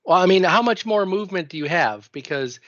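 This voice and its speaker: A man's voice: high-pitched, expressive, fairly quick, a bit bright, dry recording. A man playing a tabletop game, casually discussing rules on a slightly dull lo-fi microphone.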